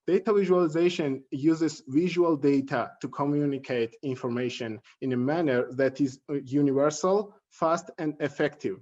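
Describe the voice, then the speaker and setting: A male tutor presents a lesson in a slightly muffled, low-fidelity recording with dull audio. His darkish voice sits a little high for a man, and his halting delivery is full of repeated and corrected words during this instructional presentation.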